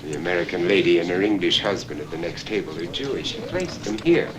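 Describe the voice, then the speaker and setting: Deep-voiced formal doctor. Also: male voice, animated, quick pace. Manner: formal, precise, explaining. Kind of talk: film acting. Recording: film soundtrack with background noise.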